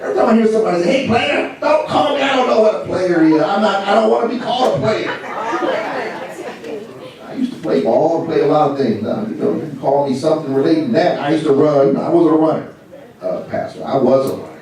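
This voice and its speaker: A man with a high voice preaches a lively sermon, mocking and laughing as he goes. He is picked up from far off in a very echoey church. A congregation is clearly heard around him. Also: fast talker, a crowd in the background. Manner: animated, mocking, laughing asides. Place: church sanctuary.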